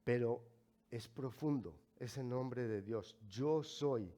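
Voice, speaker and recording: A man with a Mexican accent preaching a sermon as pastor, speaking in a slow, emphatic way with asides to the congregation. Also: medium pitch, dark tone.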